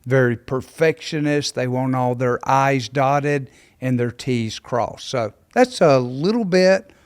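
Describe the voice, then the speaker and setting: A man's voice: medium pitch, clean tone. Man rattling off a practiced list. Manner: practiced, listing traits in quick runs. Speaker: podcast co-host. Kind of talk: casual ministry podcast discussion.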